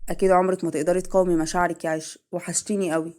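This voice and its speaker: A young husband, voiced by a woman, pleads and insists in an Egyptian accent. He speaks very fast, in a voice close to the narrator's own. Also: on the low side, little pitch movement, a little mellow, close to an everyday voice. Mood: pleading. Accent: Egyptian Arabic.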